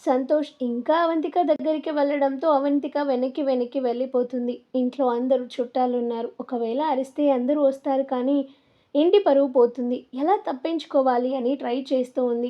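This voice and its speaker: A woman narrating a serialized audio story in a steady, plain storytelling manner. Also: high voice, fairly quick. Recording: dull lo-fi recording.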